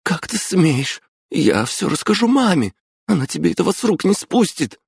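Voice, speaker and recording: A man voicing a very young girl in an audiobook, shrill and pleading as bullies hold her. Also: very animated, moderate pace, gravelly, breathy edge, no echo, clean studio sound, heavily acted. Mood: indignant.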